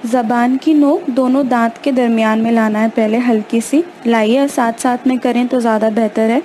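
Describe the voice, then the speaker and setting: Patient woman teacher, measured and repetitive, somewhat high voice, faint room noise. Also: fairly even intonation, warm tone, poor audio. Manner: slow, measured recitation; patient, step-by-step explanation with repetitions. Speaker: Arabic pronunciation teacher. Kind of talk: recited prayer and slow letter drill; explanatory lesson.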